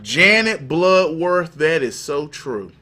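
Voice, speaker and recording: A man's voice: a little high, sing-song, slow pace, bright, forceful tone. A man hosting a live commentary show, talking to his viewers in a folksy, mocking way over news clips. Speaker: livestream commentary host.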